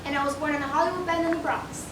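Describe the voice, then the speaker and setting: A woman's voice: high voice, steady tone, racing, background noise, natural voice. Woman playing a sassy young dancer. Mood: sassy, nervous. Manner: sassy, defensive. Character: young female dancer, defensive and wisecracking. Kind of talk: stage musical acting. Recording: echoey stage, distant mic, music behind.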